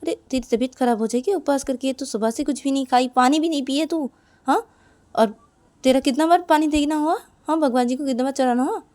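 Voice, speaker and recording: A woman voicing a loud, teasing older sister who scolds and coaxes fondly. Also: high voice, moderate pace, pitched above the performer's own voice, close to an everyday voice. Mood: scolding. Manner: loud, nagging, fond scolding.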